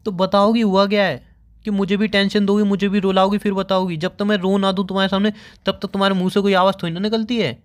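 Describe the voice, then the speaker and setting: A young man talks quickly and insistently, firing question after question. He scolds and presses in a staged boyfriend phone call. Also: high-pitched, level tone.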